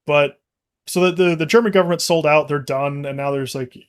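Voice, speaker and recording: A man's voice: on the high side, fairly even intonation, fairly quick, clear, resonant tone. A man co-hosting a casual market discussion, talking in long rambling runs full of restarts and fillers. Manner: rambling, frequent restarts and fillers, laughs easily. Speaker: company executive co-host.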